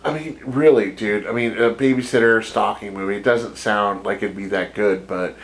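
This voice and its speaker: A man's voice: lowish voice, steady tone, moderate pace, poor audio. A man co-hosting a podcast, retelling a film in a rambling casual chat full of fillers and jokey asides. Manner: laughs while talking, jokey impressions. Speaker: podcast co-host.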